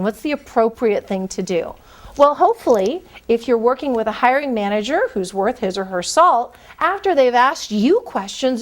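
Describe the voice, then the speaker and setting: A woman recruiter giving career advice in a conversational, emphatic way, speaking directly to her listeners. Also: a little high. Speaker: corporate recruiter.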